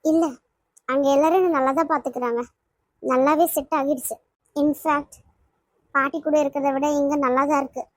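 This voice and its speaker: A woman's voice: high-pitched, steady tone, fairly quick, pauses often, dry recording, clean studio sound, close to an everyday voice. A woman voicing a hurt, suspicious young woman who insistently questions her lover in a cartoon. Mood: accusing. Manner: accusing, insistent. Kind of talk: cartoon voice acting.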